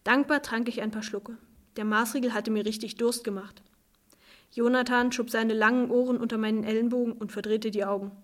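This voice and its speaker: Woman reading a storybook aloud, calm, measured, fairly high voice.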